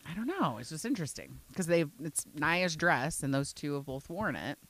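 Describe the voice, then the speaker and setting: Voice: medium pitch, sing-song, normal speed, fairly bright tone, slight background noise. A co-host of a reality TV recap podcast, talking casually with lots of "like"s and sentences that trail off. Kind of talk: casual chat.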